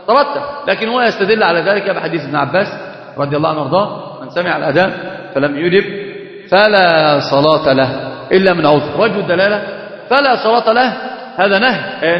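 A man's voice: high-pitched, rapid-fire. A man with an Egyptian Arabic accent teaches an Islamic lesson. He asks his audience questions, answers them himself, and often repeats words as he restarts. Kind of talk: recorded religious lecture. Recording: echoey hall, dull lo-fi sound.

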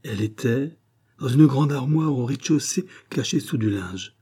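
A man's voice: mid-range voice, expressive, moderate pace, mellow, husky, voice pushed up. A man voicing a young countess under hypnosis, pleading and strained, in an audiobook. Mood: entranced. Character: the young countess Andrée, entranced, resisting. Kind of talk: audiobook character voice.

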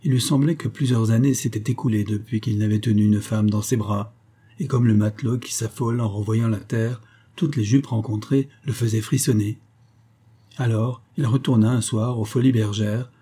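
A man reading a classic novel aloud in a steady, measured narration. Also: fairly low pitch, slightly rough. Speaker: audiobook narrator.

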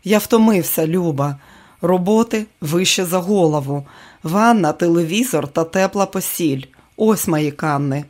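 A man's voice: high-pitched, unhurried, darkish tone. A male audiobook reader voicing a tired, wry aging comedian speaking to his wife. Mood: weary. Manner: weary, wry. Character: tired aging man, famous comedian, joking husband. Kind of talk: audiobook character reading.

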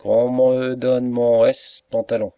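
Guy voicing a furious swearing landlord, yelling way up high, gravelly. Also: lively intonation, takes it slowly, no echo, dull audio, exaggerated voice. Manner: roaring, cursing, shouting. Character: furious swearing male lodging-house keeper. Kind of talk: audiobook reading.

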